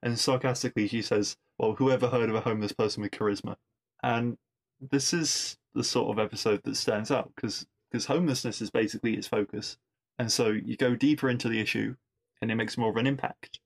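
A man at a mid-range pitch, talking through a TV episode in a loose, conversational recap. He drifts into wry asides and often repeats a word while he thinks. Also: fairly even intonation, a little fast, gravelly. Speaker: podcast host reviewing episodes.

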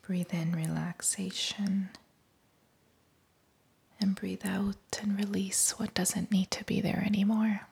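A woman whispering a guided body-scan meditation, softly and calmly leading the listener to breathe and let go. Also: mid-range voice, creaky, husky. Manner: soft whispering throughout, calm and unhurried.

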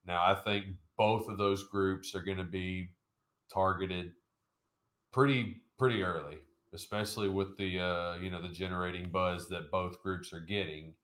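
A man's voice: low-pitched, fairly even intonation, normal speed, fairly bright tone. A man co-hosting a casual sports podcast, talking in a rambling way with lots of fillers and hedges. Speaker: podcast co-host.

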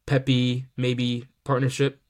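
Male podcast host, mid-pitched, loose slangy chat full of "um"s and restarts. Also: monotone, slow. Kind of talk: casual sports chat.

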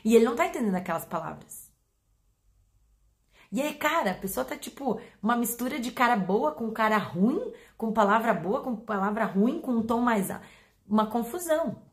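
A woman with a Brazilian Portuguese accent, a pet behavior educator explaining to her audience in an animated way, acting out examples. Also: on the high side, normal speed. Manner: animated, acts out examples with voice changes.

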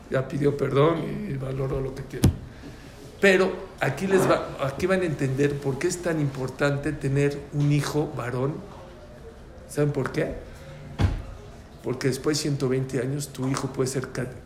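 A man teaching a religious class on prayer, telling stories in an animated way. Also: fairly high pitch, slight background noise. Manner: animated storyteller. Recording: echoey room.

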